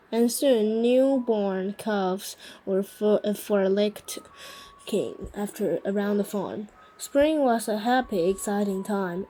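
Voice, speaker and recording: A woman's voice: fairly high pitch, warm tone, poor audio. A woman reading a children's novel aloud, stumbling and restarting on harder words. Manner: slow, halting reading with frequent restarts on hard words. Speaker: reader.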